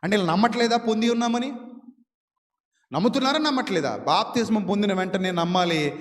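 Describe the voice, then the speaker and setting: A man preaching a sermon, asking rhetorical questions and swinging between loud and soft. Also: high voice, animated, fast, big-room sound.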